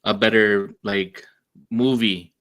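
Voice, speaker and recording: A man's voice: fairly low pitch, fairly even intonation, takes it slowly, a bit bright. A man talking casually as a guest, rambling with many "like"s and "um"s. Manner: rambling, lots of fillers like "like". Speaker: podcast guest. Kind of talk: casual chat.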